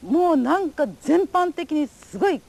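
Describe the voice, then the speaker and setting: A woman's voice: high voice, animated, measured pace, vocal fry, dark tone. An older woman giving a recorded testimony interview, telling her memories in polite, formal, vivid storytelling. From Japan. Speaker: atomic bomb survivor giving testimony.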